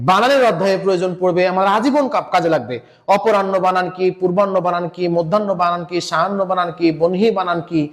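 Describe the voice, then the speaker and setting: A man with a rather high voice and a Bangladeshi Bengali accent teaches a recorded lesson for exam students. He breaks each point down step by step and slowly repeats words so students can copy how they sound.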